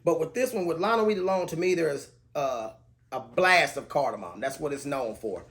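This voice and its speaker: A man reviews affordable fragrances to camera at a normal speed, his voice a little high. He keeps it relaxed and casual, reeling off scent notes in a steady rhythm.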